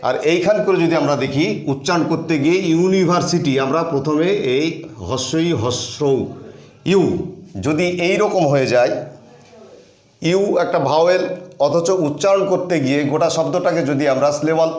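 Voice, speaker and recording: A man's voice: fairly high pitch, a little fast, a little mellow. A man teaching a grammar lesson, explaining patiently step by step and repeating key phrases. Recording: echoey room.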